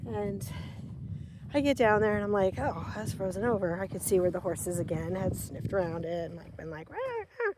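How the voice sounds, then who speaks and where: Outdoors on a farm beside a frozen pond, a woman with a mid-range voice chats casually to her handheld camera as a farm vlogger. She rambles through a story in a self-deprecating way, with loud outdoor noise caught on the camera mic.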